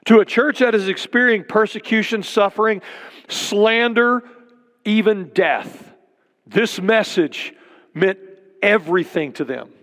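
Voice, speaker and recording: High-voiced man preaching in a reverberant hall. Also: a little slow, fairly bright tone. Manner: earnest preaching with emphatic repetition. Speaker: pastor. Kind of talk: sermon.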